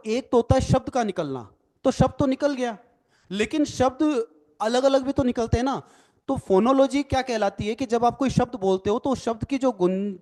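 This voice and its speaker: Guy giving a training lecture, highish voice, spells words out, keeps checking "ठीक है ना". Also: a little mellow. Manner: explanatory, repeats "ठीक है ना" tag questions; mixes English phrases into Hindi. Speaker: NLP trainer. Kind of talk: recorded lecture.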